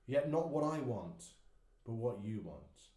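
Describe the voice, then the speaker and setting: Solemn Jesus read by a man: measured, dark-toned, echoey. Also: mid-range voice, big pitch swings. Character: Jesus, solemn grown male teacher. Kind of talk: dramatised Bible reading. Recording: echoey room.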